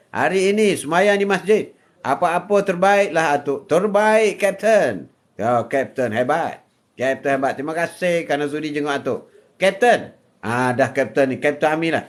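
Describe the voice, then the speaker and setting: Jovial older Malaysian man chatting live. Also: a little high. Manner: jokey, laughs often, mixes in English phrases. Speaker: live stream host. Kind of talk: casual live-stream chat reading comments.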